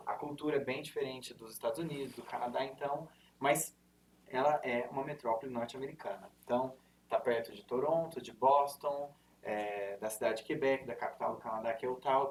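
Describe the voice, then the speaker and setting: Representing a university, a thirty-something man presents casually to students in a lecture hall, speaking with a medium pitch and the caipira R of interior São Paulo, Brazil. His talk is full of fillers and corrections, captured from a distance with slight room noise.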